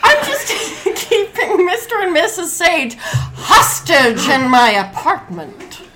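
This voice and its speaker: A woman playing a very slow, sheepish landlord. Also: extremely high pitch, sing-song, loud music behind the voice, exaggerated voice. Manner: sheepish, sing-song. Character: sheepish male landlord Gary. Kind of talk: improvised comedy scene. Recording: noisy live recording.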